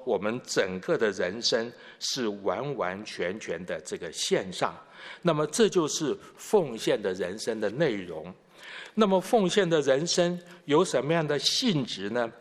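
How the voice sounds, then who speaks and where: Male pastor, teaching-style sermon, asks the room questions; reverberant hall sound. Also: mid-range voice. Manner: expository, poses rhetorical questions.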